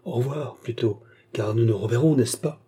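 A man's voice: mid-range voice, normal speed, mellow, slightly rough. A man voicing an eager young workman. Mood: friendly. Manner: eager, friendly. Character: young male cabinetmaker, eager and friendly.

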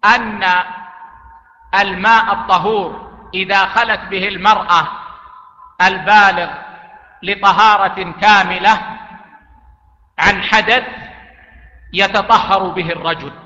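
A man teaching an Islamic jurisprudence lesson, speaking deliberately and repeating key phrases for emphasis. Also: high voice, steady tone, bright, forceful tone. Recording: echoey lo-fi hall recording.

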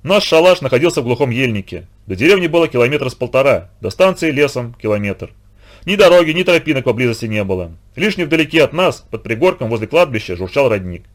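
Brief: male storybook narrator, lively rising and falling delivery, mid-pitched voice. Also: fast talker.

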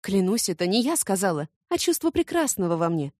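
Expressive woman reading an audiobook. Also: medium pitch, fairly quick, dry recording, studio quality. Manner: expressive, ironic. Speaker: audiobook narrator. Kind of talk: first-person audiobook narration.

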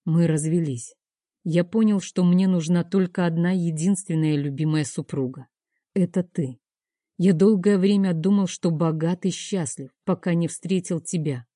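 A woman reading an audiobook, voicing a devoted young husband in a soft, slow, tender way. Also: lowish voice, no room sound, clean studio sound, natural voice.

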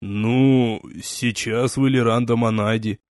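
A man reading an audiobook, voicing a shy, embarrassed young man who speaks slowly and hesitantly. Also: mid-range voice, steady tone, a little mellow, no room sound, clean studio sound, natural voice. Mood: sheepish.

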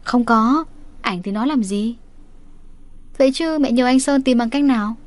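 A woman's voice: on the high side, normal speed, no echo, close to an everyday voice. A woman doing a homely, offhand mother.

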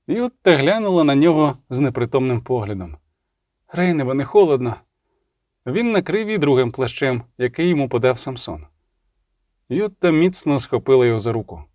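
A man's voice: medium pitch, a little mellow, no echo, studio quality. A man narrating a fantasy novel as an audiobook, telling it dramatically and shifting his voice for the characters.

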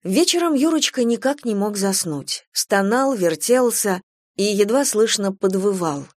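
A woman reads a dark story aloud in a measured, expressive narration with a dry, ironic edge. Her voice sits at a middle pitch for a woman. The recording is close and dry with no room sound. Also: no room sound. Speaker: audiobook narrator.

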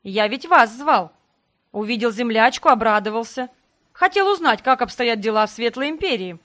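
Loud, fake-cordial middle-aged nobleman from an audiobook, read out by a woman. He presses and accuses with a raised, insistent voice. The reading keeps the narrator's own fairly high pitch. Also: animated, normal speed. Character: scheming middle-aged male nobleman, falsely friendly.

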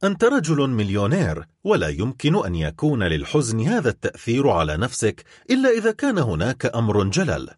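A man voicing a worldly count who calmly asks a troubled friend what is wrong in a storybook reading. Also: medium pitch, a little fast, slightly rough, no room sound, clean studio sound. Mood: concerned.

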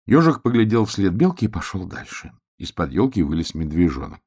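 A man narrating a children's storybook with expressive storytelling. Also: low voice, brisk, breathy edge.

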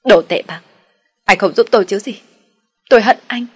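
A woman voicing a desperate young woman in debt, pleading tearfully in a raised, shrill voice. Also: moderate pace, a little mellow, husky, soft background music, natural voice. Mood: furious.

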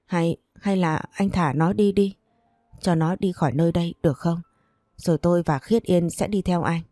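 A woman's voice: on the low side, steady tone, moderate pace, dark tone, no room sound, clean studio sound, soft background music, lightly acted. A woman voicing a desperate young mother in a storybook reading, pleading and tearful.

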